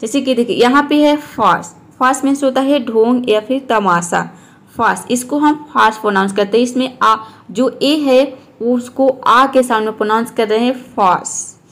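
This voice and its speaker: A woman teacher explaining words and repeating each one slowly. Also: a little high. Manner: slow, repeats each word to show how it is said. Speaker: English teacher. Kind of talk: explaining lesson.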